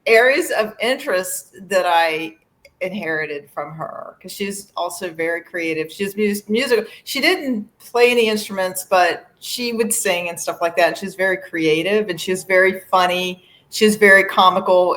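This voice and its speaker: Interviewed casually as a guest, a middle-aged Virginia musician talks in a lowish yet fairly bright voice, friendly and quick to laugh, with lots of filler words.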